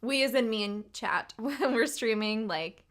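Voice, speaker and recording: A young woman with a fairly high voice hosts a relaxed livestream. She chats in a loose, rambling way, greeting viewers and laughing often. Her voice sounds tired and slightly rough. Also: measured pace. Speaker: livestream host and tarot reader. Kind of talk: casual livestream chat.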